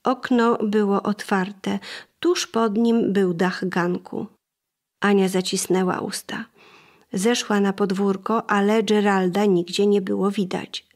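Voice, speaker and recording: Female audiobook narrator, even and measured, mid-range voice. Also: medium pitch. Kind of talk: scripted narration.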